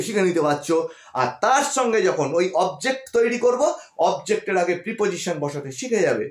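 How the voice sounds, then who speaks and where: Male tutor with a West Bengal Bengali accent, high animated delivery, patient and repetitive, roomy echo. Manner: patient, repeats key words, frequent check-in questions. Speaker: English grammar teacher. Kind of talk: classroom-style grammar lesson. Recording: echoey room.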